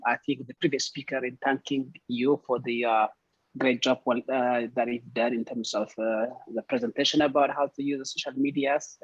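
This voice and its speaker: A husky man from Ethiopia speaks over a dull, lo-fi video call line in a dry, close sound. He talks at a middling pitch and pauses often with fillers as he works through his question. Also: dry recording. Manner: hesitant, many fillers. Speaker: webinar attendee.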